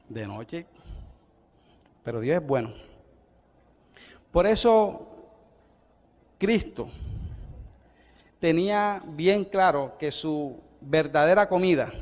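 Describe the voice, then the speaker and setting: High-voiced preacher in an echoing church. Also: male voice. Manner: preaching with loud rising declarations, then dropping to soft conversational asides. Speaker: pastor. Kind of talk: evangelistic sermon. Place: church hall. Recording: long church hall reverb.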